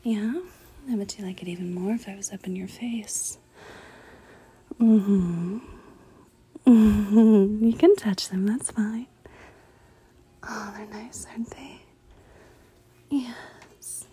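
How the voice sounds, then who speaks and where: Breathy flirty woman, slow whispers. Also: medium pitch, warm tone. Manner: retro slang, playful giggles. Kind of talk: intimate audio roleplay.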